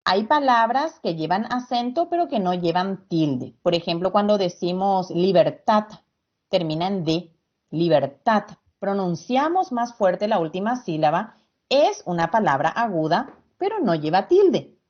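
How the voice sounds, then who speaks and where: A woman teacher giving an online lesson, patient and slow, quizzing her students as she explains. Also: mid-range voice, sing-song, darkish tone. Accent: Ecuadorian Spanish. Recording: lo-fi video call audio.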